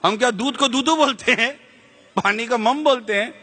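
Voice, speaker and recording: A very high-pitched, sharp-toned male preacher gives an impassioned sermon, his voice trailing off in a long reverb. He challenges his audience with fiery rhetorical questions and sprinkles in English words.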